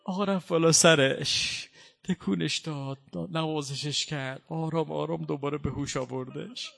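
A man giving a mourning sermon. He recites quoted lines slowly and drawn out, then explains them in plain speech, with fervent, impassioned delivery. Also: on the high side, steady tone, vocal fry, a bit bright. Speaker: preacher.

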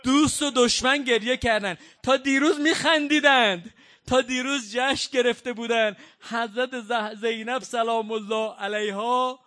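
A man giving a mourning sermon. He recites quoted lines slowly and drawn out, then explains them in plain speech, with fervent, impassioned delivery. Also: extremely high pitch, steady tone, bright, forceful tone. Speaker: preacher.

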